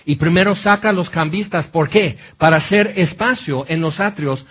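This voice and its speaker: A man preaching a sermon, telling the story in a lively way that often slips into acted voices. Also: fairly high pitch, moderate pace, breathy edge. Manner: animated storytelling, acts out voices. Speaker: pastor.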